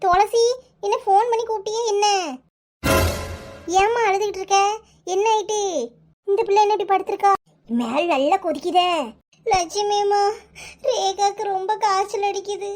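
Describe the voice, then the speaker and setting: A woman's voice: very high voice, steady tone, normal speed, long pauses, darkish tone. A woman voicing a kindly older village woman in a cartoon, talking at length to scold and reassure, with a Kanyakumari Tamil accent. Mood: reassuring.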